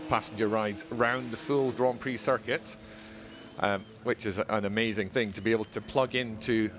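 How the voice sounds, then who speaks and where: A man's voice: fairly low pitch, a bit bright, slight background noise. A middle-aged man from Scotland, a volunteer being interviewed at a race event, who talks in a friendly way and often repeats words as he searches for them. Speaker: volunteer guest. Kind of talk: casual interview.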